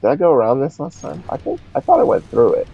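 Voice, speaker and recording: A man's voice: medium pitch, wildly swooping pitch, fast, creaky, mellow, husky, soft background music. A man streaming a game live, rambling and talking to himself as he plays. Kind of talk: casual live gameplay commentary. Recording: dull lo-fi stream audio.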